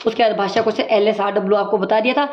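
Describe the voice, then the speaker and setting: A woman teacher giving a brisk exam-prep recap lecture, explaining points with everyday examples. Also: medium pitch, fairly even intonation. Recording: dull lo-fi audio.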